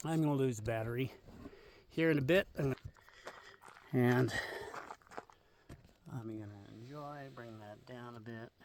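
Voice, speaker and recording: A man's voice: medium pitch, a little mellow, recorded from a distance, a little hiss or hum. A man casually vlogging from a clifftop campsite outdoors, rambling with lots of fillers. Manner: rambling, easygoing, many fillers. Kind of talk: casual camping vlog.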